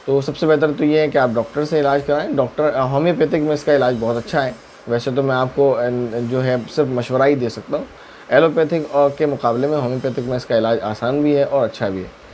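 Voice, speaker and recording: A man's voice: mid-range voice, steady tone, a little mellow, a little hiss or hum. Man patiently explaining religious rulings. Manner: patient, explains step by step with worked examples. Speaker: mufti answering viewer questions. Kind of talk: religious Q&A lesson.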